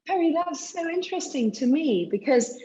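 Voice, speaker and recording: A woman's voice: high voice, expressive, moderate pace, dark tone. British-raised woman host on dull lo-fi audio. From Britain. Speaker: webinar host. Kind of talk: interview hosting.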